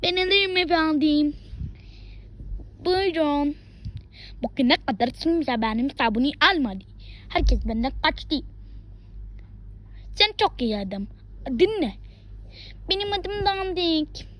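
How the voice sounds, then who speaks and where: A woman voicing a lonely, shunned soap seller in an amateur impression, drawn-out and theatrical. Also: high-pitched, expressive. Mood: pleading.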